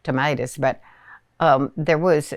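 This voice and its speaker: A very old woman in her nineties with a Southern US accent, reminiscing in a hesitant, unhurried storytelling way with many pauses. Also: low voice, steady tone, no echo, studio quality. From rural Arkansas, United States. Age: 90s, very old. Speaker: elderly interviewee recalling childhood. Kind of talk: reminiscing oral history.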